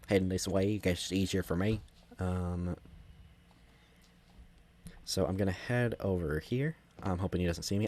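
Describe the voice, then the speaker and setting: Low-voiced man giving casual game commentary. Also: slight background noise. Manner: rambling, self-correcting, conversational. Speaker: gameplay commentator.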